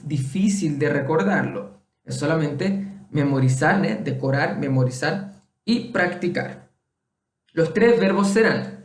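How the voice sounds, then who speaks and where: A man's voice: on the high side, roomy sound. A man teaching a casual Spanish lesson, patiently repeating and checking in with the listener. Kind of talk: casual online Spanish lesson for Portuguese speakers.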